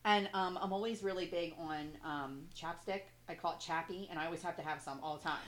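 A woman co-hosting a casual, sweary chat in valley girl speech, with drawn-out exclamations and lots of "like". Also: lowish voice, fairly bright tone, slight background noise. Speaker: podcast co-host.

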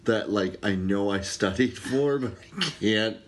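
A man's voice: lowish voice, unhurried. A man co-hosting a casual podcast, joking and teasing his co-host. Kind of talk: casual chat.

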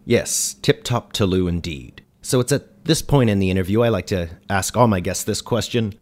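An actor playing a dry, exasperated ghost who hosts a radio show, speaking in a deadpan, wry way. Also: male voice, fairly low pitch, moderate pace, natural voice. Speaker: host. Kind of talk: comedy radio sketch.

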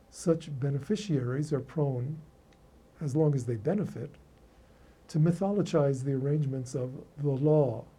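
A man delivering a scripted academic lecture in a formal, measured, erudite professorial manner, with a husky voice. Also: medium pitch, dark tone, low-quality recording.

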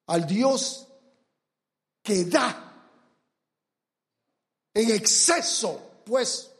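A pastor preaches an emphatic sermon in a high-pitched, expressive voice, drawing out his words. He urges listeners again and again to look and pay attention, swinging between loud and hushed delivery.

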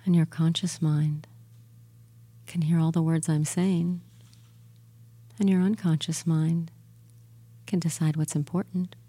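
This is a guided meditation and hypnosis induction from a relaxation hypnotist whose voice is low, very mellow and level in tone. She murmurs softly and breathily, occasionally nearing a whisper, and leaves long, gentle pauses between phrases.

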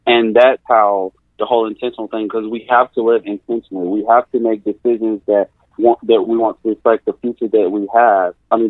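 A man's voice: on the low side, no room sound. Man on a tinny phone line. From California. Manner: earnest, emphatic, repeats key phrases. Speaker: therapist guest. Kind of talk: conversational interview.

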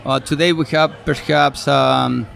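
At an outdoor farm show, a middle-aged Chilean fruit specialist with a Chilean Spanish accent gives relaxed interview answers about his work, full of fillers and restarts. His mid-range voice is gravelly and fairly bright, steady in tone and unhurried.

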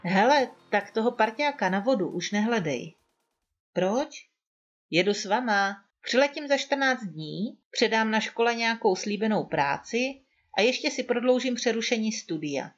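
A woman's voice: a little high, lively intonation, dull audio, faint music behind. A woman reading the part of a carefree young adult son who talks back to his mother in a breezy, persuasive way.

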